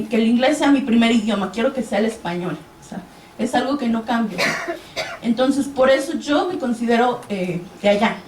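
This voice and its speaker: Speaking on a panel in an event hall, a young adult woman from Mexico earnestly recounts her personal story, performing the quoted exchanges. Her voice is fairly high, heard through a distant mic in an echoey hall with a little background noise.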